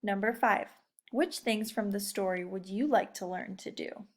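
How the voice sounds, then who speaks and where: Conducting a read-aloud lesson, a young woman teacher talks in a mid-range voice at a moderate pace. Her manner with the children is casual and encouraging, and she often asks them questions directly.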